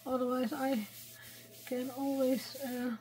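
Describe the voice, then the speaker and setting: A woman talking quietly through her card making at a craft desk, thinking aloud and often half-whispering. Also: high voice, little pitch movement, extremely slow, slight background noise. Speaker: craft video maker.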